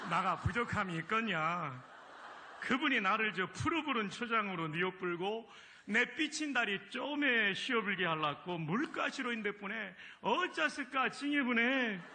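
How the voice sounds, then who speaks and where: A man's voice: expressive, a little slow, pushed and bright, a little hiss or hum, heavily acted. A man voicing a psalm reciter in a broad put-on Jeolla dialect, exaggerated and emphatic. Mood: exuberant. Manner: exaggerated, high and emphatic drawl.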